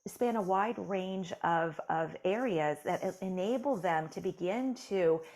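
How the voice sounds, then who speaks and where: In a conversational interview, a guest author speaks with a lowish, darkish voice at a slightly slow pace. Her tone is encouraging, and "you know" comes up often.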